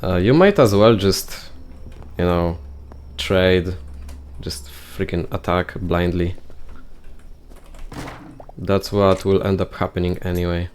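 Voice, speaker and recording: A young man giving casual gameplay commentary, thinking out loud in a rambling way and filling his talk with "like". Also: low voice, slow pace, long pauses, a little hiss or hum. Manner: heavy use of "like" fillers.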